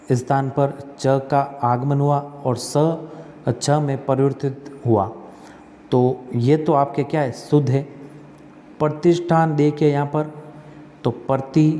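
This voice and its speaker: A man's voice: mid-range voice, dark tone. Man teaching in an echoing room. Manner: asks and answers his own questions, repeats words slowly. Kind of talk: exam-prep lesson explaining spelling questions.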